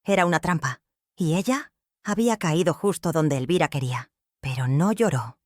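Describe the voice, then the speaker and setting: A woman narrating a scripted family drama in a measured, dramatic way. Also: sits low, expressive, no echo, studio quality.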